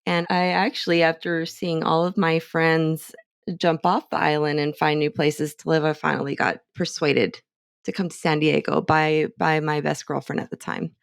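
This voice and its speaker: A woman's voice: low-pitched, flat delivery, normal speed, vocal fry, clear, resonant tone, dry recording, studio quality. A middle-aged woman from Hawaii, speaking candidly and chattily as an interview guest. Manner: candid, chatty, self-assured. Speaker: interviewee, clinic staff member. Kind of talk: casual interview.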